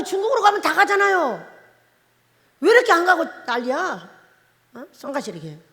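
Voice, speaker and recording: A woman pastor from Korea's Jeolla Province preaching a sermon, emphatic and firing rhetorical questions at the congregation. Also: sits high. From Jeolla Province, South Korea. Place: prayer retreat chapel. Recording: long reverb of a large hall.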